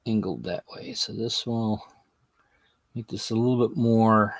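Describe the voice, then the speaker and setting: Man, hobby streamer; unhurried, halting, thinks aloud as he works; dry close sound. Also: on the low side, fairly even intonation, dry recording. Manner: slow, halting, thinking aloud while working. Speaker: hobby livestream host. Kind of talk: casual livestream commentary while crafting.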